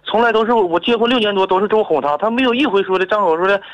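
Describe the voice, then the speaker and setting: A man's voice: high voice, racing, fairly bright tone. A man, calling into a radio show and hesitantly stammering through his story. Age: 20s. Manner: hesitant, stammering, restarts often. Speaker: caller. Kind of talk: call-in conversation. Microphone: phone. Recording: dull phone-line audio.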